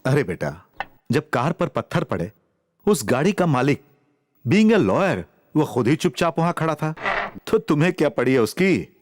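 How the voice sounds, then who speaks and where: An actor dubbing a gentle, cautious father in a film, soothing and teasing his daughter. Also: on the high side, big pitch swings, moderate pace. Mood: coaxing.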